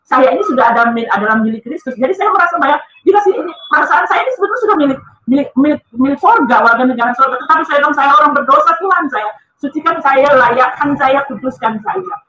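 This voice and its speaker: A high, bright-voiced woman tells a personal testimony at a quick clip. She speaks earnestly and with emphasis, and she keeps addressing her listeners as friends. Her voice sits back from the mic in an echoey room. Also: animated, far from the mic, a little hiss or hum.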